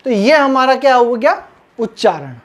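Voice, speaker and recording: A woman's voice: high voice, very animated, moderate pace. A woman teaching grammar at a board, explaining step by step and checking in with her students after each point. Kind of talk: blackboard lesson.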